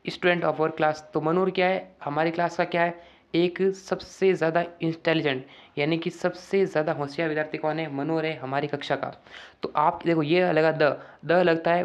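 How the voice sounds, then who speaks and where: A man walking students through an exam paper, asking rhetorical questions and reading English sentences out slowly. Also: fairly high pitch, steady tone, lo-fi sound. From Rajasthan, India. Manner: keeps asking the class rhetorical questions, calls them friends. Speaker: teacher. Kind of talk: exam paper walkthrough lesson.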